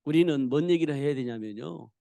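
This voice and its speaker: A man preaches a midweek church sermon in a casual, conversational way and keeps answering his own rhetorical questions. His voice sits a little high and has a gravelly, creaky texture. The sound is dry and close, with almost no room echo. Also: fairly quick, warm tone. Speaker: pastor.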